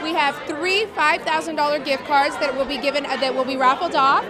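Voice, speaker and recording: High-pitched woman explaining over crowd chatter. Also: fairly even intonation, brisk. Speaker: school fundraiser organizer. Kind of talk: informal interview, explaining details. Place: hotel event space. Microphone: handheld interview microphone.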